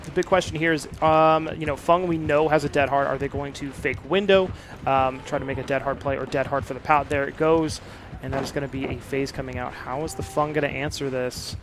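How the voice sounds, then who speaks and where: A man giving steady play-by-play commentary on a video game match, with frequent fillers. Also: mid-range voice, brisk, soft background music. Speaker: esports caster.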